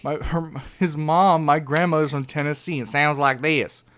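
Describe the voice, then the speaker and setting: A man's voice: a little high, steady tone, moderate pace, fairly bright tone, clear, resonant tone. A young man co-hosting a casual podcast chat, telling stories in a rambling way and restarting his sentences often. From Oregon, United States. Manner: rambling, self-interrupting storyteller. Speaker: podcast co-host.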